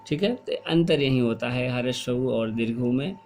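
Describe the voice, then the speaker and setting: A middle-aged man teaching a class, explaining slowly and asking questions, then repeating the answers. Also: mid-range voice, darkish tone, soft background music. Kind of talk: classroom lesson.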